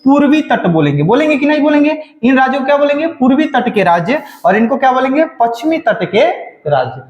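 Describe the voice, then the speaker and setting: High-voiced teacher drilling a class. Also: male voice, sing-song, fairly quick. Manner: call-and-response drilling, repeating lists with the class. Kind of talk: classroom lecture. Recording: echoey room, dull lo-fi sound.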